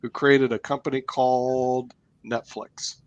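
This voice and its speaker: A man's voice: medium pitch, little pitch movement, unhurried, dry recording, highs cut off. A man chatting casually as a guest on a live stream, easygoing and stumbling over restarts. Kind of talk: casual chat.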